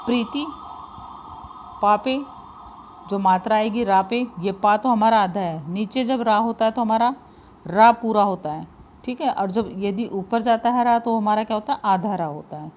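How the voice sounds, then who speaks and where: A woman teaching spelling at a middle pitch. She is patient and careful, spelling words out piece by piece and repeating what matters, in plain classroom talk mixed words. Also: a little mellow, slight background noise. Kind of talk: spelling lesson for exam prep.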